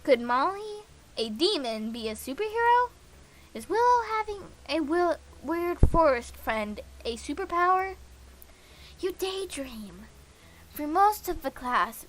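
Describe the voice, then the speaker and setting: On poor audio, a high-pitched, somewhat bright woman's voice reads a visual novel aloud during a stream. The game streamer is playful, mumbling to herself and breaking into nonsense scatting.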